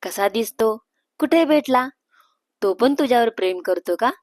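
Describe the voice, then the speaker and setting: A woman voicing an excitable, prying young woman who teases her elder sister, in a storybook reading. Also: a little high, a little slow, no echo, studio quality. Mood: curious. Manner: eager, prying, playfully apologetic.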